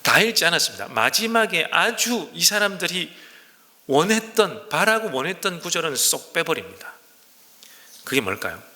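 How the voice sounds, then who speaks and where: A male pastor preaching a sermon, animated and emphatic, asking the congregation rhetorical questions. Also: a little high, moderate pace. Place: church sanctuary. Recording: long reverb of a church hall.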